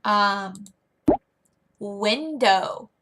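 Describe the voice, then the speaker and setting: A young woman explaining online English teaching in a chatty tutorial, often using a high, playful teacher voice. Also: extremely slow, bright, forceful tone. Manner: chatty, demonstrates teacher lines in a high, exaggerated sing-song. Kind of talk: casual screen-recorded tutorial.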